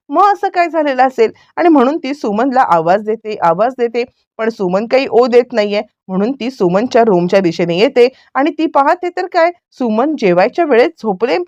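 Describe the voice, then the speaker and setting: A woman's voice: a little high, darkish tone, no room sound, lo-fi sound. A woman casually retelling a TV serial episode and talking straight to her viewers. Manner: chatty, addresses viewers directly. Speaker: serial recap narrator.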